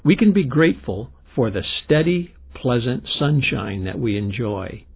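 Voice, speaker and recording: Husky, creaky-voiced man explaining science. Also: medium pitch, sing-song, a little slow. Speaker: expert interviewee, science lecturer. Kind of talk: explanatory documentary commentary. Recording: dull lo-fi sound, music behind.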